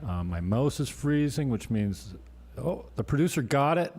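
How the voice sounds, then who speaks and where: A man's voice: medium pitch, very animated, moderate pace. Joking talk-show host, a man. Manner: joking, rambling. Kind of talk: casual interview chat.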